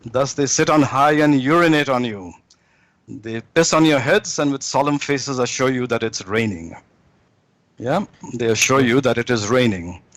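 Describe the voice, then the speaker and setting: A man speaking as an interview guest, holding forth in a measured, deliberate lecturing way, often pausing on fillers. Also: medium pitch, fairly bright tone, no echo. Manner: measured, deliberate, with frequent hesitations. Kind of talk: lecturing commentary.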